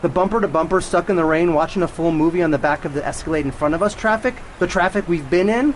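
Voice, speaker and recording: A woman's voice: lowish voice, fast talker, close to an everyday voice. A woman acting an exasperated, anxious wife in a comedy sketch. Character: exasperated wife in a car, turning frantic. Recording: car and rain noise behind.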